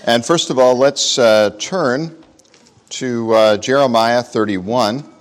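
A man preaching a sermon and leading prayer at a pulpit microphone, speaking in an unhurried, conversational way with frequent fillers. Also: medium pitch. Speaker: pastor. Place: church sanctuary. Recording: long church reverb.

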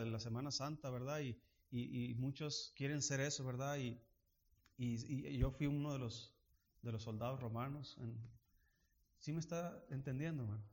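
A man preaches a sermon as a pastor. His voice sits in an ordinary middle pitch. He talks straight to his listeners as brothers, asks rhetorical questions again and again, and presses his points with emphatic force. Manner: builds to louder emphatic preaching.

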